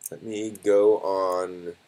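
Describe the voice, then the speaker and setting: Hosting a news-commentary live stream, this man speaks low and mellow, with little movement in pitch. He's casual and conversational, somewhat halting, and keeps correcting himself.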